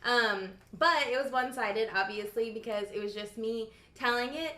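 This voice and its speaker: Young woman, playful teasing interviewer, slightly high voice, roomy echo. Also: normal speed, bright, forceful tone. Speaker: interviewer and channel host. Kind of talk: casual chat.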